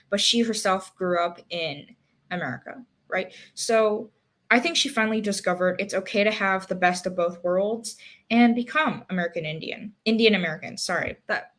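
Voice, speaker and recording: A woman's voice: mid-range voice, a bit bright. Casting: young woman, book club host, casual and rambling, mid-range voice. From Singapore. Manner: thinking aloud with many fillers and restarts.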